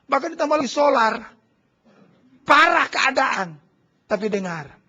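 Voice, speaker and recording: A man preaching a charismatic sermon. His voice sits very high and sounds breathy and husky. He swings from shouted exhortation to hushed low prayer, on a dull lo-fi church recording. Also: big pitch swings, unhurried. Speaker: pastor. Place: large church hall.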